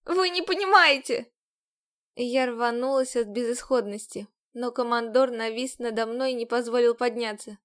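A woman reading a novel aloud in the first person, with a fairly high voice. She tells the story in an even, measured way. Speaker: audiobook narrator. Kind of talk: scripted first-person narration.

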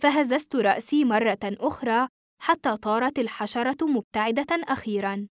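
A woman narrating a novel in the first person, steady and expressive. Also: a little high, moderate pace, dry recording, clean studio sound. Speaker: audiobook narrator.

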